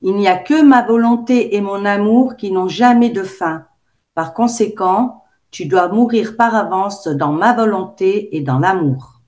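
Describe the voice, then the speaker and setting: A woman reading a spiritual text aloud to a prayer group in a calm, measured way. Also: mid-range voice.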